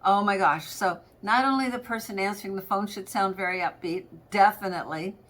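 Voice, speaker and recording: Brisk and a bit bright at medium pitch, this middle-aged coach talks through a training episode on practice management in a relaxed, conversational way. She leans on anecdotes and everyday examples, even performing example phone greetings.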